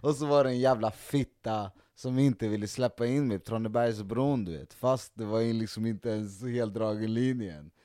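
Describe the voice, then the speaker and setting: A man's voice: on the low side, mellow, no room sound, studio quality. A man telling a road-rage story in casual talk, laughing often and swearing freely. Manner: laughing, profane, quick storyteller.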